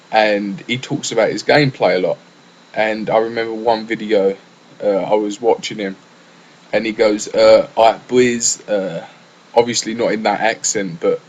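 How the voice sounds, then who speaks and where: A man's voice: on the low side, highs cut off, a little hiss or hum. A young English man rambling casually through a solo gaming podcast, full of fillers and restarts. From England.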